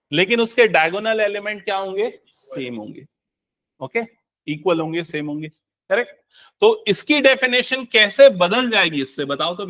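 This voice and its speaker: A man's voice: high voice, pushed and bright. A young man teaching a live maths class, firing questions at students and answering them himself, mixing English terms into Hindi.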